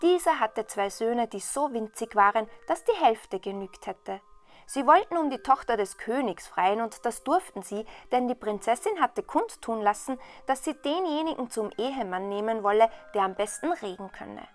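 A woman storyteller reading a fairy tale in a lively, expressive way. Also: a little high, normal speed. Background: soft waltz music.

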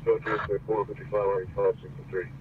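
Male dispatcher heard over scanner radio; low, terse, heavy static, phone-thin sound. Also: level tone, rapid-fire. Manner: terse, rattling off codes and addresses. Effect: scanner radio transmission. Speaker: police or fire dispatcher. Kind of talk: clipped radio dispatch calls. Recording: tinny, noisy radio scanner audio.

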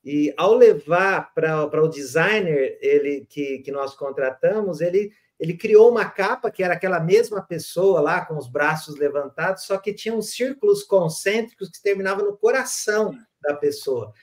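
High-voiced Brazilian man telling stories. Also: normal speed, hardly any pauses. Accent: Brazilian Portuguese. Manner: animated storyteller with frequent restarts. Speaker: podcast host. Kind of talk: casual storytelling conversation.

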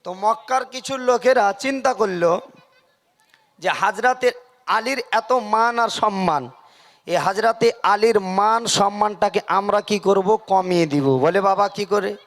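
A man preaching a sermon at a religious gathering over a PA microphone, singing drawn-out devotional verses and calling on the crowd to answer aloud. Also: high voice, fairly bright tone. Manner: chants drawn-out devotional verses, then preaches in quick bursts; calls on the crowd to respond aloud. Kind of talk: Bengali waz sermon with sung verses.

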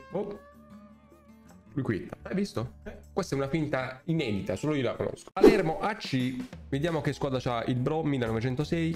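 A young man, giving excitable, swearing live commentary on his own gameplay and shouting at the game. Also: medium pitch. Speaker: gaming content creator.

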